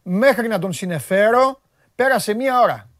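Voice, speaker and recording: Excitable sports guy going off on the show, voice shoots up when he's riled, dead dry room. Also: dry recording. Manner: excitable, jokey, voice jumps high when worked up. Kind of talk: animated sports chat.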